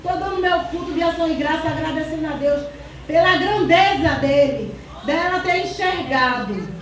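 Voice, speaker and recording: A woman's voice: sits high, expressive, normal speed, a little hiss or hum. A woman giving an emotional church testimony, speaking fervently and breaking into praise while holding back tears. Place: church hall. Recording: echoey church hall from far off.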